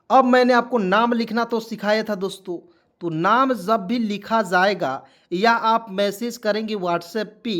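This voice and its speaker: A man's voice: sits high, fairly bright tone. A man teaching English phonics in Hindi, coaxing viewers to watch closely and spelling words out letter by letter. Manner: repetitive, coaxing, keeps saying "dekhiyega dosto".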